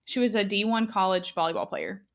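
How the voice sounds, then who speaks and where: A woman's voice: medium pitch, fairly quick, creaky. A woman in her twenties hosting a podcast, chatting casually with lots of fillers. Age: 20s. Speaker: podcast host. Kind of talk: casual chat.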